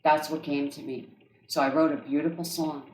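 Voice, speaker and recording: Recorded in an echoey room, a woman with an accent, who works as an energy healer, talks softly about guided healing tracks and often checks in with those listening. Her voice is low, her intonation fairly even, and her pace moderate.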